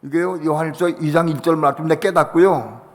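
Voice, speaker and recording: A male pastor preaching a Friday evening sermon, passionate, dropping to quiet asides and rising to shouted declarations. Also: fairly high pitch, brisk, in a large hall. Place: church sanctuary.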